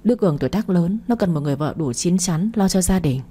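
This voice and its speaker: A woman's voice: lowish voice, expressive, fast talker, dark tone, a little hiss or hum, lightly acted. A woman voicing a stern older mother who scolds her grown son. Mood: scolding. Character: stern older mother, disapproving then resigned.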